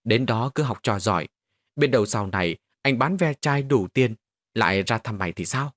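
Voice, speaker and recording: A man voicing a poor, tough boy who acts as a protective big brother, talking in a gruff, bossy way. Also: medium pitch, animated, moderate pace, no echo, studio quality, natural voice.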